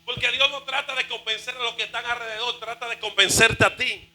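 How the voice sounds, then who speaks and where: A male pastor preaching a fervent sermon, shouting and half-singing his phrases. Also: very high voice, fairly even intonation, fairly quick, rough recording.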